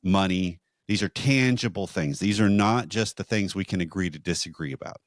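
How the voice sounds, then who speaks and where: A man co-hosting a marriage podcast, teaching in a measured, explanatory way with rhetorical questions. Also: deep voice, dry recording, clean studio sound.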